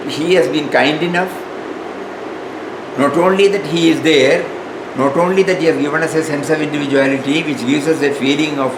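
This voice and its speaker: A man with a South Indian accent giving an informal spiritual lecture in a halting, repetitive way. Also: on the high side. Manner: halting, repeats words, tags questions with "no". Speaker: spiritual teacher. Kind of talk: informal spiritual lecture, partly reading aloud. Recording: echoey room with clear background noise.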